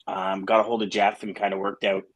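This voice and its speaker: A man's voice: fairly low pitch, little pitch movement, fairly quick, slightly rough, lo-fi sound. A middle-aged man hosting a casual morning show, talking in a rambling way with restarts and fillers. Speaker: host.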